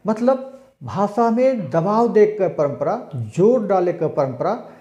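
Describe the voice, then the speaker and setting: A man giving a recorded exam-prep language lecture, explaining slowly and acting out spoken examples. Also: high-pitched, very animated, mellow, roomy sound. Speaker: language teacher.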